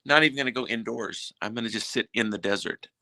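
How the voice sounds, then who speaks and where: A man's voice: fairly low pitch, quick pace, bright, forceful tone, low-quality recording. A man chatting as a guest on a live stream, telling jokes and rambling stories that keep interrupting themselves. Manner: rambling, self-interrupting storyteller. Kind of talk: casual joking chat.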